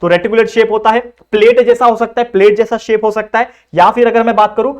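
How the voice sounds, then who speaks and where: Fast, high-voiced male tutor. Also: fairly even intonation, a little mellow, dull audio. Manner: asks rhetorical questions and answers them himself; mixes English terms into Hindi explanations. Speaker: biology tutor. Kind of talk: classroom lecture.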